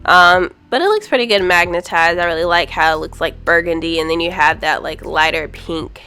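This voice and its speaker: This nail polish review voice-over comes from a woman whose lowish, smooth voice has a sharp edge and a fairly quick pace. A cold leaves her sounding stuffy and congested, and she speaks casually with frequent ums and candid opinions.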